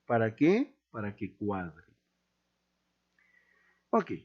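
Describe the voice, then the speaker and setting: Slow, emphatic male accounting teacher. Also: fairly low pitch, huge pitch swings, husky, muffled recording. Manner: emphatic, repeats key points and asks rhetorical questions. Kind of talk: slow, deliberate classroom explanation.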